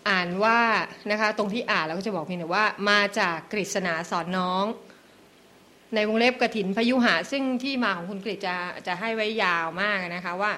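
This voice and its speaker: A woman's voice: mid-range voice, fairly bright tone, a little hiss or hum. A woman lecturer at a meeting, carefully and politely explaining reading rules step by step. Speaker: invited lecturer.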